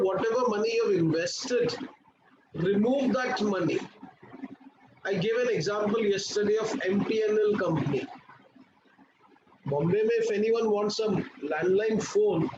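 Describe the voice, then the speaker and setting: A man with an Indian accent giving an online class lecture, repeating points in a didactic way and prompting students with questions. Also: high voice. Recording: echoey room, muffled and noisy.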